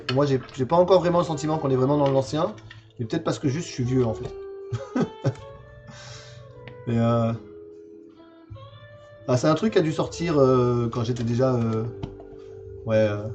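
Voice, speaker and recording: Showing off his game collection live, a streamer in his forties talks casually in a halting way, filling gaps with fillers and repeating words. He has a mid-range, slightly mellow voice, and the audio lacks high frequencies.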